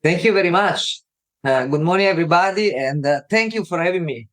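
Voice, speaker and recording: A woman's voice: on the low side, a little fast. A woman with an Italian accent, a guest on a podcast interview, speaking hesitantly with frequent fillers. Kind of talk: casual interview.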